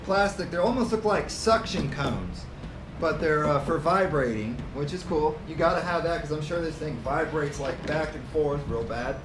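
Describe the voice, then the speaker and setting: A man's voice: on the high side, animated, moderate pace, noisy background. A man in his thirties casually unboxing and reviewing tools, plain-spoken and a little self-deprecating, recorded on a camera mic in a cluttered indoor garage workshop. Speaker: channel host reviewing tools.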